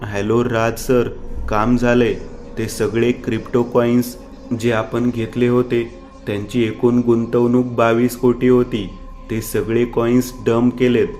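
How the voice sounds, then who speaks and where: A man's voice: medium pitch, flat delivery, unhurried, darkish tone, soft background music, lightly acted. A man voicing a scheming false friend. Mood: cold.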